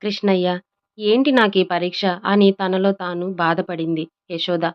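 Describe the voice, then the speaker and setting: ఒక మహిళ తెలుగు ఆడియో కథను అన్ని పాత్రలను చేసుకుంటూ చదువుతోంది. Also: female voice, fairly low pitch, normal speed, lo-fi sound. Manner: smooth even storytelling, acting out all characters. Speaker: storyteller. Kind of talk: scripted audio story narration.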